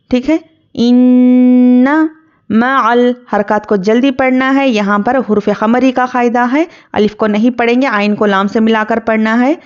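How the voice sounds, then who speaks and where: A woman's voice: a little high, dull audio. A woman teaching Quran recitation word by word, patiently spelling out letters and drawing out the recited words. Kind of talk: word-by-word tajweed lesson.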